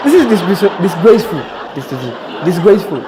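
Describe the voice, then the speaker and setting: A young Kenyan man hosting a comedy review show, mocking his targets with laughter running through his lines. His voice sits high for a man and swings widely in pitch. A faint crowd and some noise sit behind him. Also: very animated, moderate pace. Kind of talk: satirical commentary.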